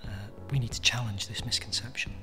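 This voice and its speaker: A man's voice: mid-range voice, fairly even intonation, fast, in a whisper. A man speaking as a charity spokesperson, formally explaining research findings. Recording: soft music bed behind the voice.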